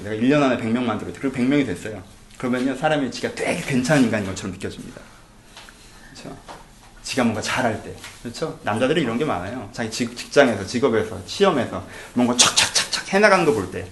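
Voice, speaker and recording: Male pastor, fast and lively delivery, preaching with rhetorical questions in a roomy hall. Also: medium pitch, slight background noise. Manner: rhetorical questions to the congregation, shifting between hushed and emphatic. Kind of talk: sermon.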